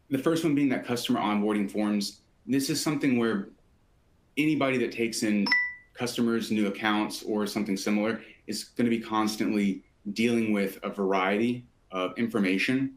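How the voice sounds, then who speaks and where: Low-voiced man hosting a webinar. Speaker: webinar host from sales team. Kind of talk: live webinar presentation.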